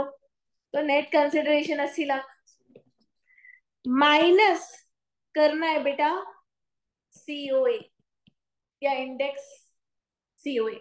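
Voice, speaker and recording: A woman commerce teacher giving a classroom lecture with an Indian accent, slowly dictating notes and asking her students questions. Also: high-pitched, echoey room, poor audio. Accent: Indian English mixed with Hindi.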